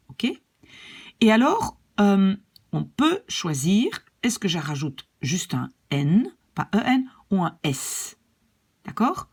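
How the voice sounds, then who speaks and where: Breathy-voiced woman teacher, slow and patient, lively pitch, asks "d'accord?" often. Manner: patient, repeats and checks "d'accord?". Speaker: language teacher. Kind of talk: online language lesson.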